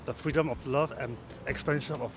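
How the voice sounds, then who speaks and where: A man's voice: mid-range voice, steady tone, a little fast. A man answering interview questions politely and articulately at an outdoor event.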